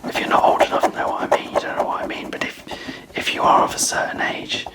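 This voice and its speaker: Whispered, breathy ASMR rambling. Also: quick pace. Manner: self-deprecating, chatty, musing. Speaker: ASMR video creator.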